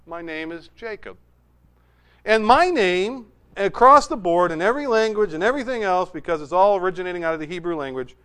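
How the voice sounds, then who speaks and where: High, smooth-voiced middle-aged male pastor. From New Hampshire, USA. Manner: animated storytelling, with humor and asides. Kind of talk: conversational sermon.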